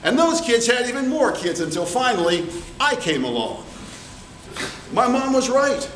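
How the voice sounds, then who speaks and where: A man telling a tall tale as a contest storyteller, theatrical and deliberate, with dramatic pauses. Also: extremely high pitch, sing-song, fairly bright tone. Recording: distant, echoey room with background noise.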